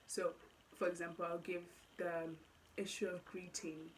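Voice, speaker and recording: Her delivery is flat and measured, her voice on the low side, with a little hiss or hum on a rough recording. She's a Nigerian vlogger in her twenties whose accent blends Nigerian and South African, casually telling her own story while thinking aloud and often self-correcting.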